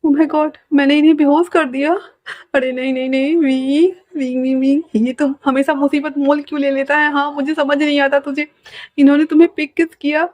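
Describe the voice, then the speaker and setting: A dramatic young man who frets and whines over every mishap, voiced by a woman reading a fan story. His voice sits high and pushes louder in each outburst. It is heard dry and close, with no room sound. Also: moderate pace, dry recording. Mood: panicked. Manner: exclaiming, whiny, melodramatic. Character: flustered, dramatic young man, easily panicked.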